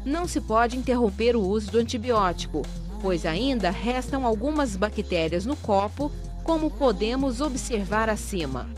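A woman reading a scripted lesson for pharmacy assistants in a steady, even way. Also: fairly high pitch, normal speed, hardly any pauses, music in the background. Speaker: course narrator. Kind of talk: scripted instructional narration.

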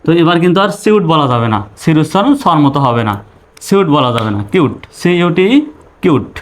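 A man's voice: fairly high pitch, sing-song, very fast, slight background noise. Patient man teaching English spelling. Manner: patient, repeats rules and spells letters aloud. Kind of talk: spoken spelling lesson.

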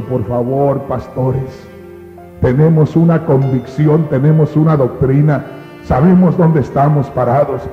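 A man preaching an emotional sermon as a pastor, crying out loud at times and dropping to a hush at others. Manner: impassioned, swings between loud cries and hushed lows. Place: church hall. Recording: echoey hall over a tinny, phone-like line.

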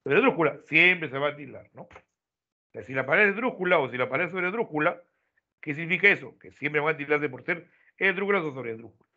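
A man teaching an online class, explaining step by step and ending his points with quick checks to his students. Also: fairly high pitch, lively intonation, bright, forceful tone. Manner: explains step by step, tags lines with "¿no?". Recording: tinny phone-like online audio.

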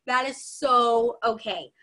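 A woman's voice: a little high, slow, bright, forceful tone. A young adult woman giving a chatty, upbeat online training session, full of asides, over a video call. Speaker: sales trainer.

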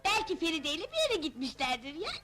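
An actress playing a bossy, scheming middle-aged auntie who coaxes and scolds briskly, in a 1970s film comedy. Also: female voice, high-pitched, big pitch swings. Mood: coaxing. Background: loud film score.

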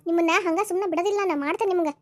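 A scheming, quarrelsome young daughter-in-law from a cartoon story, voiced by a woman. She nags and makes demands in a shrill, very high voice. She talks at a quick, pushy pace. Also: fairly even intonation, mellow. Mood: accusing.

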